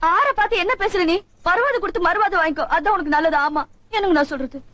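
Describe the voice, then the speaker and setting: A woman's voice: very high-pitched, quick pace, pushed and bright, dry recording. An actress playing a devoted village wife, pleading and insistent in defense of her husband. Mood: defiant. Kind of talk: Tamil film acting.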